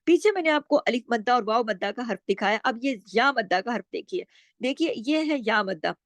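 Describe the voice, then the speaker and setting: A woman teaching Quran recitation rules, explaining step by step, asking and answering her own questions, and drawing out words slowly when she recites. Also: a little high, lively intonation, dry recording. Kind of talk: tajweed lesson with slow recitation.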